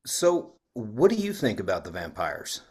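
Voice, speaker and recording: A man's voice: on the low side, wildly swooping pitch, a little slow, darkish tone, slightly rough, heavily acted. A man reading the part of a polite, sly small-town sheriff with a friendly drawl. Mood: folksy.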